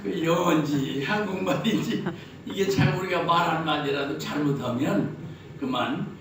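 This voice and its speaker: A man's voice: fairly high pitch, normal speed. A man preaches a sermon. He spins jokey stories and fires off rhetorical questions. He is heard from a distance in a very echoey hall, with faint noise behind him. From Chungcheong, Korea. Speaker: pastor.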